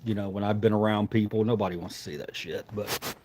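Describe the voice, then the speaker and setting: A man's voice: on the low side, steady tone, quick pace, very noisy. A man chatting casually as a livestream host, talking around a dip of tobacco in his lip, rambling and informal with some swearing.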